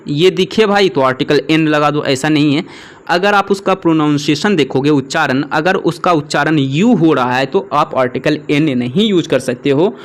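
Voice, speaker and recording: A man teaching an English grammar lesson, often stopping to check understanding and asking the learner questions. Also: on the high side. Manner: repeats "ठीक है" and poses questions to the learner. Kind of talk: classroom-style grammar lesson.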